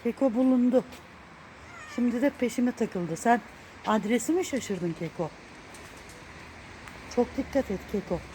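A woman with a somewhat high voice coaxes and gently scolds her cat as she walks outdoors. It is filmed on a handheld phone in the street, with loud traffic and outdoor noise behind her. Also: lively intonation, measured pace, long pauses. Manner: coaxing, scolding a pet fondly. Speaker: cat owner filming her found cat. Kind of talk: casual walking vlog. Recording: noisy outdoor street recording.

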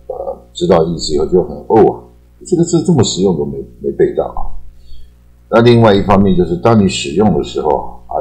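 A man with a deep, low voice explains English words in a relaxed, conversational teaching style. He repeats key terms and tags his phrases with a drawn-out particle. Faint instrumental music plays softly behind him. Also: poor audio. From Taiwan. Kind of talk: casual explanatory lecture.

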